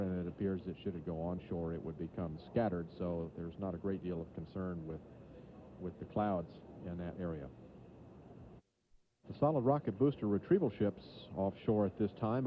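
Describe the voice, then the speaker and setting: A man giving live mission commentary as a launch control announcer, measured and matter-of-fact, on archival broadcast audio. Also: sits low, phone-quality sound, slight background noise.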